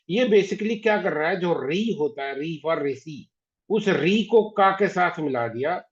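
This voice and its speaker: A man teaching an online class, patiently repeating words slowly to drill pronunciation. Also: on the high side. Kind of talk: online class on Hindi spelling. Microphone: video call. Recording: dull lo-fi video call audio.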